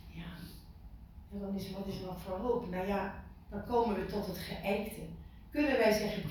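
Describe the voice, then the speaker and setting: Woman preaching in an echoey room. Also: mid-range voice. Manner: lively, asks the listeners questions, repeats words for emphasis. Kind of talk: informal sermon to a small group. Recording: echoey room from far off, faint noise.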